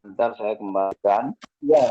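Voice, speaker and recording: A man's voice: fairly low pitch, a little hiss or hum. A man leading a Bible study over a group call, his voice choppy and cutting out as the signal drops, so he keeps stopping to check that he is heard. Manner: halting, repeating himself to check he is heard. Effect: choppy, cutting-out call audio. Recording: dull lo-fi call line.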